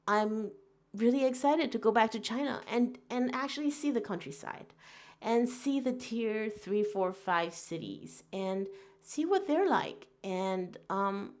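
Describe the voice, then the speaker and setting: Slow, earnest woman from Taiwan, musing. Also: medium pitch, animated. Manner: earnest and musing, with frequent fillers and restarts. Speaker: podcast host. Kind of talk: reflective podcast monologue.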